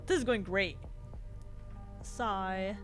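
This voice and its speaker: A woman's voice: mid-range voice, very slow, pitched below the performer's own voice. Woman voices young alien streamer for a game: Valley Girl drawl, slangy, self-satisfied, music underneath. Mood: affected sighing.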